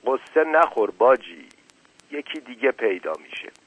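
A man voicing an older woman who runs a brothel and speaks calmly, in a dry, phone-like recording. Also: mid-range voice, breathy edge, no echo. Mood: soothing. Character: old brothel madam, calm, smoking opium. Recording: dry, phone-like narrow sound.

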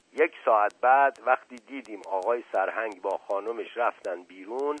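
A man's voice: no echo, close to an everyday voice. A man voicing an old male household servant with a folksy, rambling way of talking, in a narrow tinny recording. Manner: folksy, rambling, raised high excited voice. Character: rustic old male servant, meddling and excitable. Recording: narrow tinny phone-like sound, dry.

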